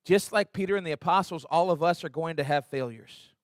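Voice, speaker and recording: A man with a fairly high voice preaches an earnest, conversational sermon. He acts out the quotes with energy. The sound is close and dry, with almost no room echo. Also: a little fast. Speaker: pastor. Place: church sanctuary.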